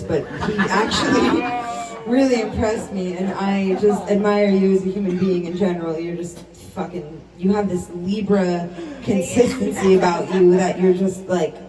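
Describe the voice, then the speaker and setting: A woman's voice: on the low side, noisy background. Twenties woman hosting her party roast, loose and giggly; roomy far mic, crowd audible. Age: 20s. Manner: giggly, swearing, rambling. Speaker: birthday host and emcee. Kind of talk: casual emcee patter. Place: house party room with a crowd. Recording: roomy sound from a distant mic. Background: crowd laughter.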